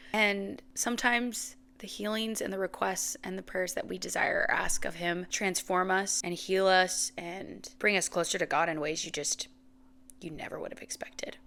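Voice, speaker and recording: A woman's voice: mid-range voice, steady tone, unhurried, creaky, pushed and bright. A woman in her thirties hosting a faith podcast, speaking earnestly and from the heart, often emotional, with lots of "like" and "you know". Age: 30s. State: emotional, near tears. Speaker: podcast host. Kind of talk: reflective faith podcast monologue.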